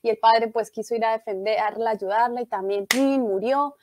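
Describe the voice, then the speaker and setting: A young woman casually retelling a tragedy, lively and acting out the lines she quotes. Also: on the high side, normal speed, background noise. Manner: animated storytelling, acts out quoted lines.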